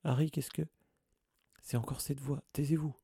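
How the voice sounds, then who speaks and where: Young schoolboy, man doing him, a bit higher, hesitant and polite, storybook. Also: fairly even intonation, normal speed, creaky, warm tone, breathy edge, dry recording, clean studio sound, exaggerated voice. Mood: urgent.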